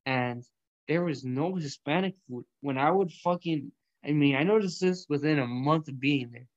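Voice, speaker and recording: A man's voice: on the high side, moderate pace, dry recording, highs cut off. Laid-back young man from Colombia, profane slang. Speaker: host of an online audio room. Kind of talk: casual chat about math. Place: small indoor room.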